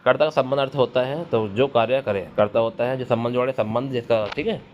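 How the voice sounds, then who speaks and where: A man's voice: mid-range voice, fairly quick. A man teaching an exam-prep grammar lesson, asking questions and answering them himself while repeating key terms. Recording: dull lo-fi recording with faint noise.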